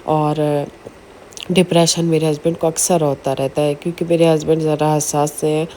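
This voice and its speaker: A woman vlogging in a chatty, earnest way about faith, with many pauses and fillers. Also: deep voice, flat delivery, mellow, slight background noise. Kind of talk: casual religious advice vlog.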